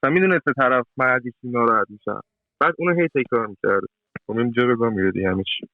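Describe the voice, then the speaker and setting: A man's voice: mid-range voice, no echo. A man speaking in casual chat as a podcast guest, talking conversationally and trailing off mid-phrase. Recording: tinny phone-like sound.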